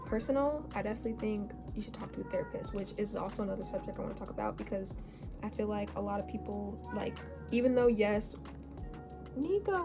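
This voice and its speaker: A teenage girl in a casual get-ready-with-me chat, rambling and correcting herself as she goes, her voice a little hoarse, recorded on a phone. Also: mid-range voice, rough recording. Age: late teens. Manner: rambling, chatty, self-correcting. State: slightly hoarse. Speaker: beauty vlogger. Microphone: phone camera.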